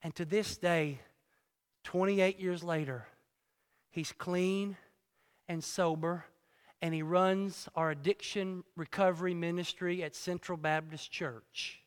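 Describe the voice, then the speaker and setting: High, bright-voiced preacher in a reverberant hall. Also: male voice, steady tone, slow pace, clear, resonant tone. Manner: folksy storytelling preacher, swings from loud to hushed. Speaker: pastor. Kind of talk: sermon.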